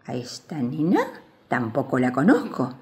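A woman voicing a shy young colt in a children's storybook, speaking in a low, hushed, aloof way. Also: sing-song, a little slow, exaggerated voice. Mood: wary.

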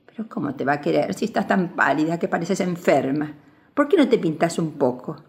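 A woman's voice: fairly low pitch, lively intonation, brisk. A woman voicing little farm rabbits in a children's storybook, chiding and matter-of-fact.

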